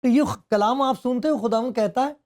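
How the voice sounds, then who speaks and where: A man's voice: extremely high pitch, darkish tone. A male pastor preaching a conversational sermon, asking many rhetorical questions and acting out the voices of people in the story. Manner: acts out the speech of people in the story.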